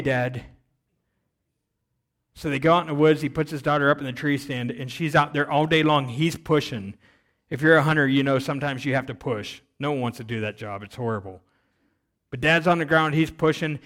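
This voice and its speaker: A man preaching a sermon on missions, telling stories with energy that swings between loud emphasis and quiet. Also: a little high, fairly quick. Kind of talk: sermon with storytelling.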